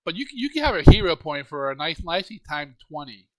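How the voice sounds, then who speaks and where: A man with a bright, forward voice pitched a little above most men runs an online tabletop game as its game master. He patiently explains the rules and narrates what the players see. The sound is dry and close. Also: very animated, fast talker, dry recording.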